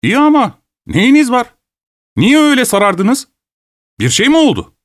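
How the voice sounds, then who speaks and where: A man's voice: on the high side, lively intonation, normal speed, dry recording, studio quality, natural voice. A man voicing a stingy, anxious male host who speaks with strained, ingratiating politeness. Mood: plaintive.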